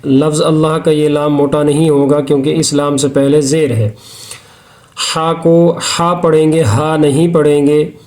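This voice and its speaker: A man teaching tajweed in a methodical, repetitive way, breaking into slow, drawn-out Quran recitation between explanations. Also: on the high side, little pitch movement, a little mellow. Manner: methodical, repeats rules step by step. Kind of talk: Hindi-Urdu lesson on tajweed, with recitation.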